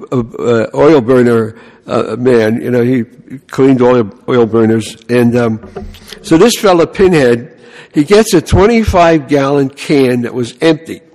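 An older man from the Bronx with a New York accent, a priest giving an animated sermon and telling stories, often asking "huh?" and "you know". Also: medium pitch, big-room sound.

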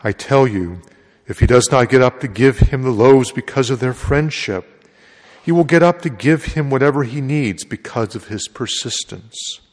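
A man's voice: medium pitch, moderate pace, a little mellow. A man serving as a priest, reading the gospel and preaching a homily in a large church. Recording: long echo of a large church.

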